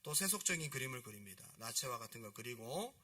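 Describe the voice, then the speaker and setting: Male preacher, storytelling sermon, acts out dialogue; bright tone, swooping delivery, distant church mic. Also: medium pitch, very animated, quick pace. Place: church sanctuary.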